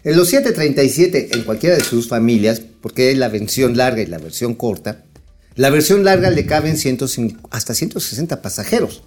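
A man's voice: mid-range voice, lively intonation, a little fast, darkish tone, soft background music. Slangy Mexican man, joking commentary. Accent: Mexican Spanish. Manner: slangy, joking, swears freely. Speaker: co-host of a financial talk show. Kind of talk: casual, profane financial commentary.

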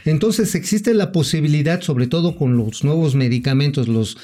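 A man's voice: a little high, normal speed, dark tone. A man co-hosting a casual finance live stream, explaining with homely examples and joking around. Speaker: co-host, finance commentator.

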